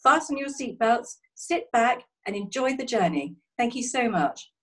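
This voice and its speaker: Woman host, scripted welcome, lively and a touch breathy, heard from a distance over a call. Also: fairly high pitch, unhurried. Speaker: host introducing a webinar. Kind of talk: scripted introduction. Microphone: video call. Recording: distant, husky video call audio.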